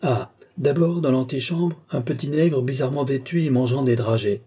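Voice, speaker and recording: A man voicing a young woman under a trance who tenderly and slowly describes her visions in a storybook reading. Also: medium pitch, dark tone, husky, voice pushed up, lightly acted. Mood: dreamy entranced. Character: young woman, entranced clairvoyant, tender and devoted.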